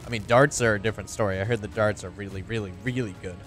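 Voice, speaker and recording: A man casually commenting on his own gameplay, chatty and excitable, talking to his viewers and to the animals in the game. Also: lowish voice, fast talker, soft background music. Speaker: gameplay streamer.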